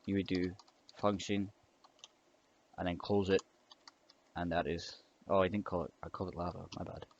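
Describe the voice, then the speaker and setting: A young man with a low, fairly flat voice and a moderate pace runs a casual coding tutorial as a scripting tutor. He's hesitant and rambling, full of fillers and restarts, while keyboard and mouse clicks come through a dull lo-fi mic.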